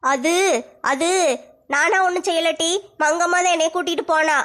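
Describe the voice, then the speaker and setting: A woman playing a scheming, sharp-tongued mother-in-law in a comic family sketch. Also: extremely high pitch, steady tone. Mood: scolding. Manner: scolding, sly, fast-talking. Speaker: comedy sketch actor.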